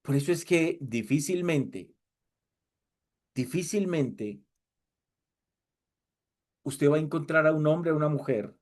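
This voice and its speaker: A man's voice: medium pitch, a little mellow. A man preaching a sermon, impassioned and mocking as he mimics worshippers.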